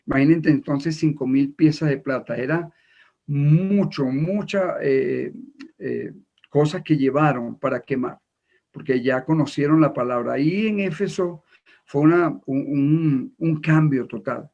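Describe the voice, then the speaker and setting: An Ecuadorian man preaching a sermon in a halting way, with many repeated words and fillers. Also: fairly high pitch, creaky, darkish tone. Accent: Ecuadorian Spanish. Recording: dull lo-fi recording.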